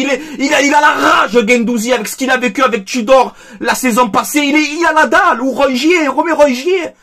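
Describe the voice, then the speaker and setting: Here the angry fan commentator speaks in an extremely high, sharp voice. He rants through a heated post-match football debrief, hammering his points, repeating phrases, and addressing viewers as "les gars."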